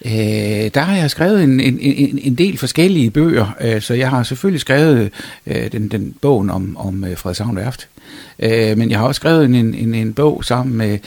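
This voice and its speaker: A man's voice: medium pitch, lively intonation, gravelly, darkish tone, no echo. A male historian, answering interview questions hesitantly, with many fillers and restarts. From Denmark. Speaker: historian guest.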